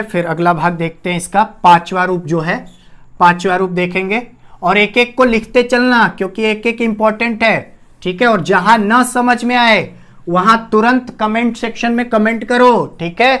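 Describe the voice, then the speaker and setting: A man's voice: sits high, normal speed, a bit bright, clear, resonant tone. A man teaching a Hindi grammar lesson, asking the class questions and repeating each key term. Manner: addresses students as "bhaiya". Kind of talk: classroom-style lesson on a whiteboard.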